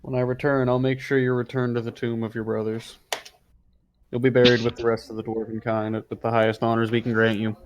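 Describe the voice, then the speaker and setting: A man's voice: mid-range voice, monotone, brisk, slight background noise, close to an everyday voice. A man playing a grumbling, principled adventurer who makes solemn vows in a tabletop game. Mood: solemn, determined. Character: grumbling, resolute lawful-good male adventurer.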